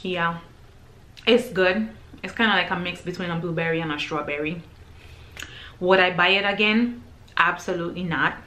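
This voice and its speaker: A woman chatting casually to camera as she tastes and reviews groceries, describing each bite between pauses. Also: on the low side, sharp tone. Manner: chatty, tasting and describing food between bites.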